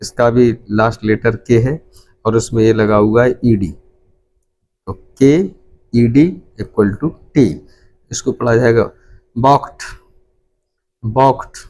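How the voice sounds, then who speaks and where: A middle-aged male English teacher with an Indian Hindi accent talks at a very slow, deliberate pace. His pitch sits in an ordinary middle range, and he repeats each word several times as he explains it. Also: steady tone, darkish tone. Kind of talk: pronunciation lesson.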